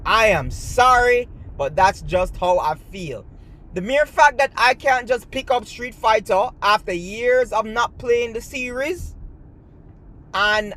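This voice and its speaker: A man with a Jamaican accent who hosts a gaming channel rants to camera in a heated, rambling, casual way, restarting often. His voice is very high-pitched and fairly bright, and the recording quality is low.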